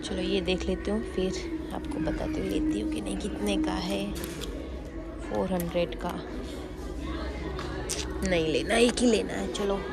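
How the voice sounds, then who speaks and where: A woman with a mid-range voice and fairly even intonation vlogs casually about shopping, talking to her handheld phone camera as she walks through a busy indoor mall and outdoor food court showing things. She speaks a little slowly with long pauses, and loud crowd noise and music fill the background.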